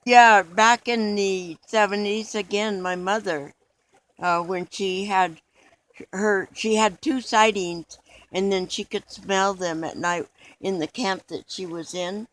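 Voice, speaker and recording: A man's voice: sits high, fairly even intonation, slow, a bit bright, low-quality recording. A man being interviewed in a mock documentary, talking in an earnest, rambling way with restarts.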